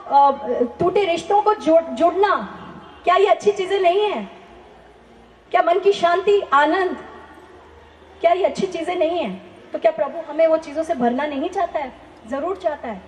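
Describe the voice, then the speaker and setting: A woman with a high-pitched voice shares her personal testimony at a church gathering. She tells her story earnestly and turns to the listeners with rhetorical questions. The recording is echoey and dull, with a faint hiss underneath. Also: a little mellow. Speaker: testimony speaker.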